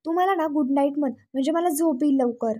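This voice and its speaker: A woman's voice: high voice, fast talker, dark tone, lightly acted. A woman voicing a playful young man who teases the caller on the phone. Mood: teasing. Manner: teasing.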